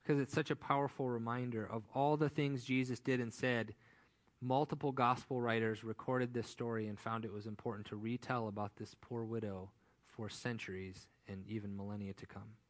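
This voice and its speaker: Male pastor, mid-pitched, easygoing storyteller delivering a sermon. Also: steady tone, moderate pace. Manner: conversational storytelling preaching.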